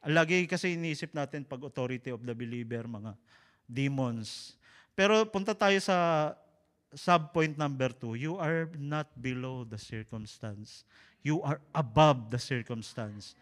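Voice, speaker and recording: A man with a Filipino accent preaching a sermon, an animated, joking storyteller who slips between Tagalog and English. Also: mid-range voice, measured pace, big-room sound.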